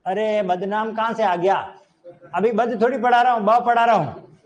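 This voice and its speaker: A man's voice: sits high, fairly even intonation, highs cut off. A man teaching a class on word prefixes, asking students questions and singing short bits of songs. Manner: slow, drawn-out teaching with sung snippets and questions to students. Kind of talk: classroom lesson on Hindi prefixes.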